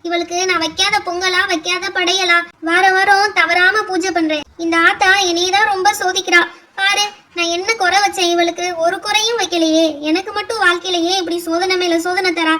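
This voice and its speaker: A grieving mother in a homemade doll play wails over her troubles, as a woman voices her. The voice sits very high and rings bright and sharp, with long pleading laments to the heavens. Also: fairly even intonation, fairly quick. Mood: lamenting. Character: grieving village mother, homeless after rain. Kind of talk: doll pretend-play voice acting.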